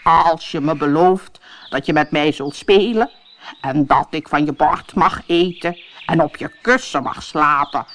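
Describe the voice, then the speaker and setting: Gentle talking frog from a storybook, slow and coaxing, done by a woman reader. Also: low-pitched. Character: patient, gentle male frog. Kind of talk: storybook reading.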